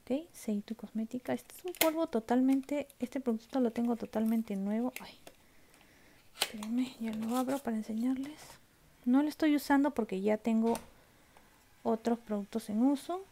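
Against a noisy background, a beauty vlogger with a voice on the high side speaks at a moderate pace while showing her makeup collection at home. She's casual and chatty, often checks in with viewers, and sometimes whispers.

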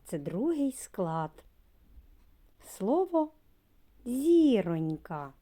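A Ukrainian kindergarten teacher with a lowish, dark-toned voice records a lesson for preschoolers. She speaks slowly and in a sing-song way, talking to the children directly.

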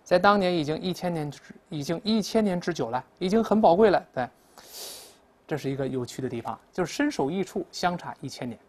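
A woman's voice: on the low side, expressive, a little fast. A woman teaching English in a classroom lecture, explaining answers and leading repeat-after-me pronunciation drills.

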